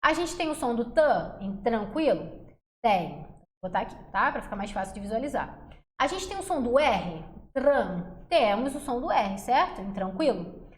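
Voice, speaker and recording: A high-pitched woman gives a chatty exam-prep lesson, constantly checking in with her students. She sounds out letters and syllables slowly and deliberately. The recording is roomy, with a noticeable echo. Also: very animated. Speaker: Portuguese teacher. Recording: echoey room.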